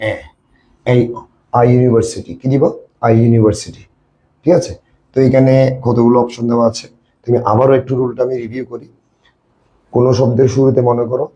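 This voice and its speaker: Bangladeshi male English tutor, very dark mellow tone, drills students with repeated questions. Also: medium pitch, rough recording. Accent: Bangladeshi Bengali. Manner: repetitive, quizzing students with questions. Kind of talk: classroom lesson.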